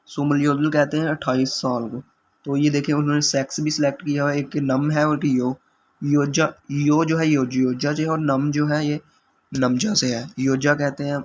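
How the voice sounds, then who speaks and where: A man's voice: a little high, slight background noise. A man teaching language exam questions, explaining answers patiently step by step.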